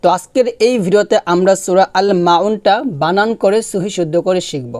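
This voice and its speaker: A man teaching recitation, spelling out each syllable patiently and drawing the verses out in a slow chant between brisk explanations. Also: high voice, a little mellow, no room sound. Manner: patient, repeats syllables for students to follow.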